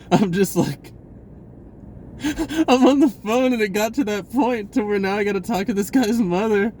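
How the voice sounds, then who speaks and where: Unhurried and leaving long pauses, a male vlogger with a high, slightly mellow voice rambles through a personal story. He uses informal slang and acts out bits of dialogue, with slight background noise present.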